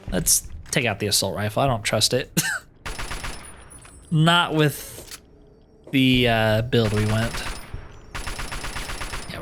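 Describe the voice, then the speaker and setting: Slightly hoarse man narrating gameplay. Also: mid-range voice, fairly bright tone. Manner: chatty, wry asides about loot. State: slightly hoarse, losing his voice. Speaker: let's player. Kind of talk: casual gameplay commentary.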